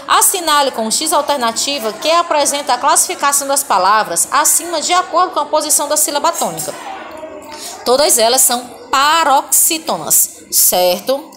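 A woman's voice: high-pitched, sing-song, moderate pace, bright, forceful tone, slight background noise. A Brazilian woman teaching a recorded primary school Portuguese class. She reads word lists aloud patiently and keeps checking in with her pupils. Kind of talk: recorded online class walkthrough.

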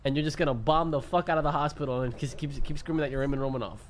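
A man's voice: fairly high pitch, steady tone, rapid-fire, a little hiss or hum. A man chatting casually in a role-play game, pushy and scheming, swearing freely. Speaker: streamer playing a role-play character.

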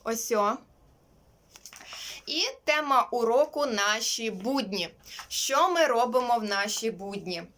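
A young woman leads a lesson for young pupils, with a slightly high voice and an unhurried pace. She models each sound with care, asks the class to repeat it, and praises them warmly between words. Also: lively intonation. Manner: slow, clear modelling of sounds with repeat prompts; warm praise and diminutives for children. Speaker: English teacher for young children. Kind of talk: online primary-school lesson.

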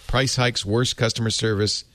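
A man's voice: on the low side, moderate pace, no room sound. A man hosting a casual panel podcast, reading an article aloud with jokes and asides. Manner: animated, joking, mock-pompous reading voice. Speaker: podcast host.

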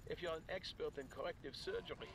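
An actor playing a frightened blind older male tenant in a game, stammering and nervous, with a gravelly voice. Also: a little high, quick pace, noisy background, close to an everyday voice.

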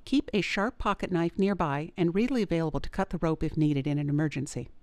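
A woman veterinarian giving calm, measured scripted instructional narration as a voice-over. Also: low-pitched, dry recording. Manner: calm, measured, clear advice.

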